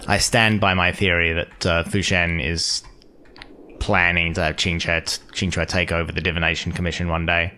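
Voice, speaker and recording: A man's voice: deep voice, little pitch movement, moderate pace, pushed and bright, slight background noise. A man streaming a game, giving casual commentary and reading dialogue aloud.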